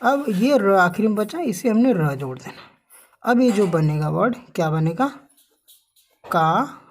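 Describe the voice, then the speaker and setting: A woman's voice: medium pitch, expressive, a little slow, a little hiss or hum. A woman teaching English sounds, who spells out words letter by letter and asks questions that she then answers herself. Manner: repeats "ठीक है" often. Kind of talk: slow classroom explanation with questions.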